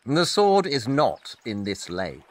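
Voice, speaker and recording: An actor playing Sherlock Holmes in an audio drama, a coolly logical, blunt detective who speaks precisely with deadpan, condescending wit. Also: male voice, mid-range voice, slow pace. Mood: analytical.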